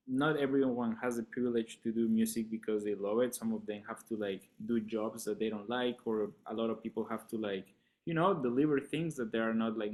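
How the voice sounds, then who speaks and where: A man from Colombia, a guest musician in a casual interview chat, relaxed and laughing often, talking with many fillers. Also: on the low side.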